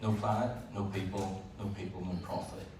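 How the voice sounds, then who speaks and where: An engineer with a Northern Irish accent, from Northern Ireland, gives a live presentation to an audience in a large event hall. His voice sits low with a flat delivery, and he speaks plainly and somewhat haltingly, often using "uh" and repeating words. The event recording is roomy and distant, with background noise.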